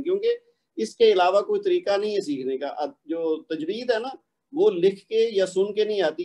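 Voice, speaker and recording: Patient Pakistani male tutor, fairly high and mellow, explains and then slowly recites examples for students to repeat. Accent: Pakistani Urdu. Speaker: Quran recitation teacher. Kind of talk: online tajweed lesson.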